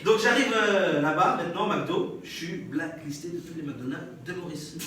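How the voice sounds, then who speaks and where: Performing live before an audience, this young French-accented comic spins stories, chats with the crowd and laughs a lot. His pitch is on the high side and fairly bright, delivered at a normal speed. The sound is echoey and distant, with the audience audible throughout.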